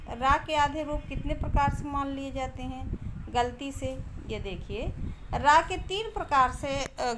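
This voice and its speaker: Woman teacher, high voice, patient, repeats each point, light hiss behind. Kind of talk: explaining a grammar lesson.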